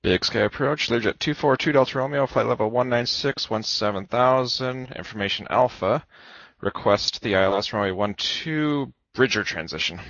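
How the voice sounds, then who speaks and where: A man speaking as a pilot on air traffic control radio, reading back clearances in procedural phrases. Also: mid-range voice, moderate pace, fairly bright tone, no room sound. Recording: muffled, dry radio audio.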